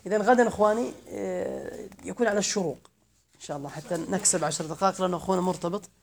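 A man teaching a grammar class, talking at a fast clip. He recites lines of verse in a measured way, then unpacks them and calls on students to answer. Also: on the high side, creaky.

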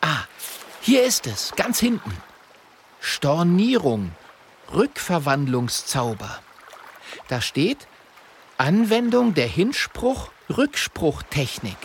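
A man's voice: a little high, wildly swooping pitch, takes it slowly, a little hiss or hum, pitched above the performer's own voice, heavily acted. A man voicing a curious, plucky little fire dragon boy in a children's audiobook, talking eagerly.

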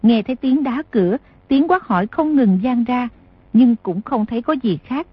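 A woman narrating an audiobook in a steady, measured reading voice. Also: fairly high pitch, slightly rough, no room sound, highs cut off. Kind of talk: scripted narration.

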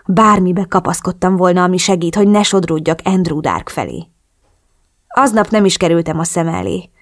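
A woman's voice: on the low side, animated. Woman narrating a romance novel. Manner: emotional, earnest, pleading in dialogue. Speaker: audiobook narrator. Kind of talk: first-person novel narration.

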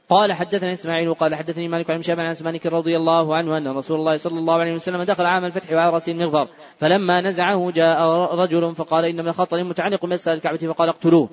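A man's voice: fairly high pitch, highs cut off. A man reading hadith aloud at speed in a mosque, restarting words he stumbles on. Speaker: hadith reader. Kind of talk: rapid recitation of hadith text. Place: large mosque.

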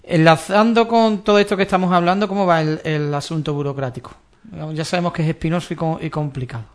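A man's voice: fairly high pitch, quick pace. A man with an Andalusian Spanish accent hosting a local sports radio show, asking questions and prompting with short backchannels. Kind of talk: radio interview.

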